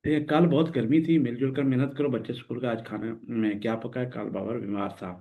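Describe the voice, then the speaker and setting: Man, from Pakistan, teacher, patient step-by-step explaining, middle pitch, tinny phone-like sound. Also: steady tone. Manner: patient, explains step by step and repeats words slowly. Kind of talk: recorded grammar lesson.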